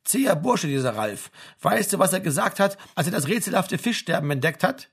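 Smug, aggrieved young man, read by a male narrator; husky, animated. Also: high-pitched, a little fast, pitched above the performer's own voice, exaggerated voice. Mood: gossipy, aggrieved. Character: scheming young male student, smug and indignant.

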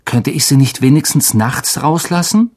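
A man's voice: mid-range voice, animated, moderate pace, a little mellow, close to an everyday voice. A man voicing a young boy wizard who speaks plainly and with some irritation. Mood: pleading.

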